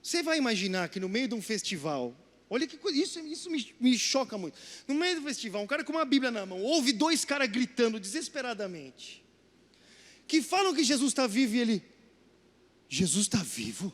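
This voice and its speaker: A man's voice: very high voice, very animated, a little fast. A man preaching a sermon, telling a story with animation and acting out the dialogue. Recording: long reverb of a hall.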